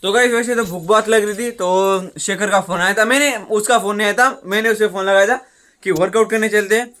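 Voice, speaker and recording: Speaking in a high, pushed, bright voice with a steady tone and a fairly quick pace, a young adult man rambles through a casual daily vlog. He often restarts his sentences and repeats "matlab" and "guys." The handheld phone captures him outdoors around his village home and the roadside.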